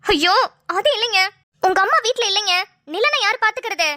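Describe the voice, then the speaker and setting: A fed-up cartoon daughter-in-law, voiced by a woman, sarcastic and full of grumbling asides. Her voice is very high, bright and sharp, and the words tumble out quickly. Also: lively intonation, heavily acted. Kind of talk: cartoon voice acting.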